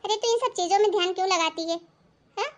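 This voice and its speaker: A woman voicing a stern but caring middle-aged mother in an animated family story, who lectures and scolds. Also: very high-pitched, fast talker. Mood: scolding. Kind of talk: animated cartoon voice acting.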